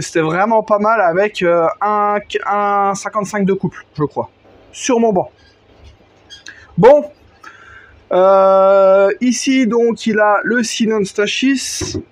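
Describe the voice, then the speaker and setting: A man with a fairly high voice chats casually to his viewers while working on an engine outside under a gazebo. He talks loosely in slang, with frequent fillers and restarts, addressing the viewer directly. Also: slight background noise. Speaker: moped tuning vlogger. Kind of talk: casual workshop vlog. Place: outdoors under a gazebo in front of his house.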